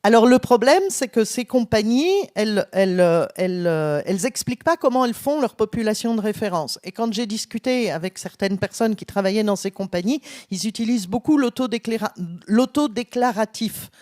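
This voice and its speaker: A woman's voice: medium pitch, animated, brisk, hardly any pauses, darkish tone, no echo, clean studio sound. A woman from France, a genetics professor, explaining with enthusiasm and many fillers and restarts. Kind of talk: explanatory conference conversation. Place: conference stage.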